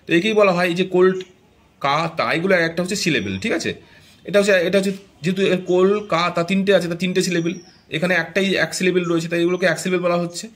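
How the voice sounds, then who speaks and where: A man's voice: high voice, rapid-fire. A man teaching English grammar to learners in Bengali, explaining step by step and checking often that they follow. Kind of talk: classroom grammar lesson.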